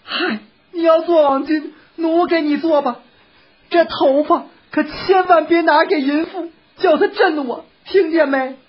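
A storyteller voices a pleading young concubine in a very high, pushed-up voice, speaking a little slowly with a wheedling, sobbing, coaxing manner. The lo-fi recording sounds dull.

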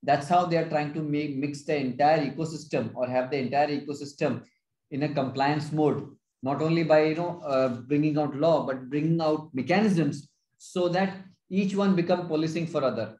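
A man with an Indian accent explaining as a consultant in a webinar, haltingly, often repeating and rephrasing his phrases. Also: on the high side, a little mellow. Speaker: tax consultant presenting a webinar. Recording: roomy, echoing webinar audio.

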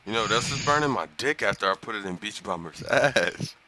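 A man's voice: on the low side, expressive, brisk, sharp tone, a little hiss or hum, low-quality recording. A young man bantering crudely and laughing over a video game with a friend. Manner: crude, laughing, teasing slang. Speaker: gamer. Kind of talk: casual gaming banter.

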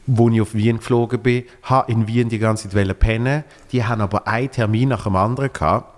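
A man with a Swiss German accent, a comedian guest in casual chat, telling lively anecdotes and acting out the voices of the people in them. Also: lowish voice, quick pace, long reverb tail. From Switzerland. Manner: lively storyteller, acts out quoted voices.

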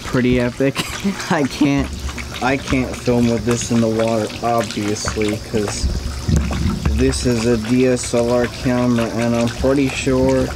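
A young man filming a casual travel vlog, talking in a relaxed, halting way with fillers, holding the camera at arm's length. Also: mid-range voice, noisy background. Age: young adult. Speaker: vlogger. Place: indoors at home, later outdoors on a street. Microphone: handheld camera at arm's length.

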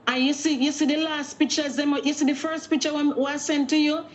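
A woman's voice: sits high, little pitch movement, fairly quick. A woman in her fifties with a Jamaican accent, calling in to a live show and chatting in friendly patois. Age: 50s. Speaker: caller. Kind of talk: casual phone-in chat. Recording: dull line with faint noise.

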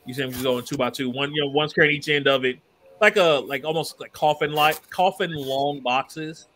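Bright-voiced man running a tabletop game. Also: fairly high pitch, fairly even intonation, moderate pace, a little hiss or hum, low-quality recording. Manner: laid-back, loose storytelling. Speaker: dungeon master.

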